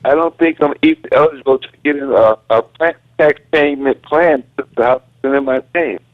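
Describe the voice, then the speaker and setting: A polite male caller talking in a plain, halting way over a phone line that keeps cutting in and out. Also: medium pitch, dry recording. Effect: phone line breaking up, voice cutting in and out. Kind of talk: call-in radio conversation.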